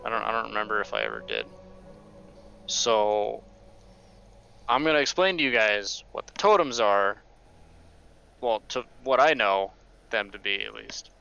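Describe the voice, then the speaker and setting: Gravelly-voiced man rambling through a backstory. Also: fairly low pitch, sing-song, unhurried, long pauses, sharp tone, muffled recording, soft background music. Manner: rambling, hesitant, many restarts. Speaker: player. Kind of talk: casual tabletop game chat.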